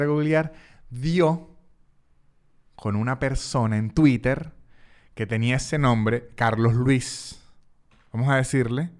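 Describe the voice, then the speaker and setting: A young Venezuelan man hosting a podcast, telling a story casually, acting out the voices and repeating words for comic effect. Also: mid-range voice. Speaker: podcast host.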